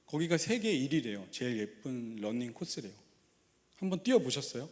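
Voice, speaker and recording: A man's voice: medium pitch, big pitch swings, normal speed. A man preaching a sermon in a church sanctuary, in a conversational way, often asking the congregation questions and laughing over light personal stories. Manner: laughs easily and tells light personal anecdotes. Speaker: pastor. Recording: long hall reverb.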